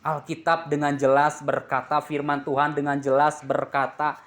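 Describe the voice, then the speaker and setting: A man's voice: a little high, moderate pace. A man preaching a sermon, joking and asking the congregation questions as they answer back. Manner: lively, jokes and asks the congregation questions.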